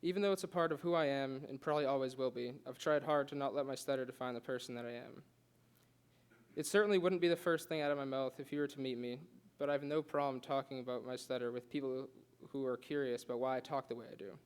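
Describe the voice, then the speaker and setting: Delivering a prepared speech for class, a young man speaks fast in a clear, resonant, mid-range voice with a steady tone. He's earnest but stutters and restarts now and then.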